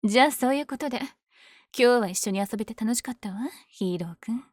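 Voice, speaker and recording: Villainess for ASMR audio drama, female actor: dark velvety tone, cocky, smitten with her rival, teasing delivery, dry intimate sound. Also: fairly high pitch, fast talker, dry recording, close to an everyday voice. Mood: playful, cocky. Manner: teasing, breathy asides. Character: powerful flirtatious villain lady, smitten with her hero rival.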